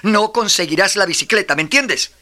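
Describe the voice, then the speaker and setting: A man's voice: high-pitched, expressive, moderate pace, pushed and bright, full character voice. A man playing a firm, cautious father, stern but patient, in a children's audio drama.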